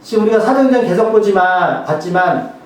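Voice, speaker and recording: This man's high-pitched voice moves a little fast as he, a pastor, delivers a church sermon in a relaxed, conversational way, cracking jokes and repeatedly questioning the congregation rhetorically. It's captured from far off in a very echoey hall.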